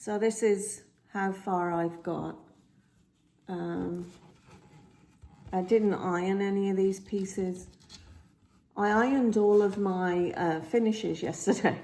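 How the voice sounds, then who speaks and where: Speaking slowly in a mellow, mid-range, slightly croaky voice, a woman does a casual show-and-tell about her cross stitch. She's at home near a window, filmed on a phone camera, and her tone stays steady. Her talk wanders, full of ums and false starts.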